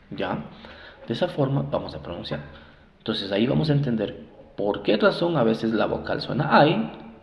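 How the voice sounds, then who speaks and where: A man gives a pronunciation lesson in a very gravelly voice, going over each word again and again. His voice rings in a room with a long echo, and the sound is muffled and lo-fi. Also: medium pitch. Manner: repeats words slowly, drilling pronunciation. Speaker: English teacher. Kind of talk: phonics lesson. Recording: echoey room, dull lo-fi sound.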